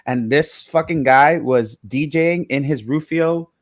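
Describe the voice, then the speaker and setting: A man's voice: a little high, a little slow, no room sound, clean studio sound. A man hosting a casual live-stream chat, upbeat, greeting guests and reading comments over a video call. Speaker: host.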